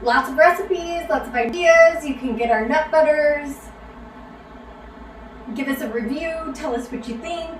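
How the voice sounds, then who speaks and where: A woman's voice: high voice, measured pace. A middle-aged woman co-hosting a live cooking stream, playful and upbeat with viewers. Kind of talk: casual live-stream chat. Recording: roomy sound from a distant mic, faint background noise.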